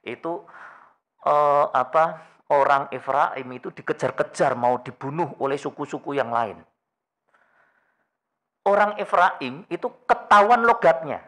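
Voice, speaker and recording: A man's voice: on the high side, expressive, a little slow, pauses often, a bit bright. A male pastor preaching a sermon, telling a story with rhetorical questions and humorous asides.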